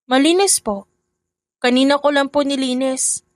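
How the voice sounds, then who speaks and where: A young stepdaughter in a narrated audio drama, steady and respectful yet firm, as a woman voices her. The tone sits slightly high and sounds close to the mic with a dry finish. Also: a little slow, no echo. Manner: calm, polite and firm. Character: young stepdaughter, calm, polite, newly brave.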